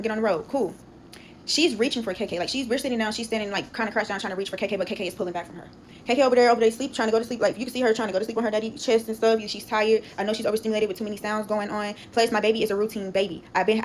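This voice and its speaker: A woman's voice: fairly high pitch, slight background noise, low-quality recording. A young woman, telling a long storytime in chatty casual talk, often asking "you get what I'm saying?", recorded on a phone.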